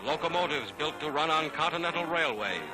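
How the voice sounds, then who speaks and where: A man's voice: fairly high pitch, animated, a little fast, low-quality recording. Man narrating an old newsreel. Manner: grand, declamatory. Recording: narration over loud music.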